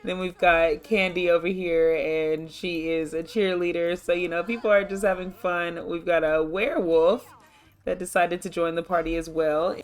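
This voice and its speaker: A woman narrating her life-sim gameplay in a casual let's-play style. Her voice is low for a woman, and she talks in a chatty, rambling, upbeat way. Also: steady tone, normal speed, soft background music.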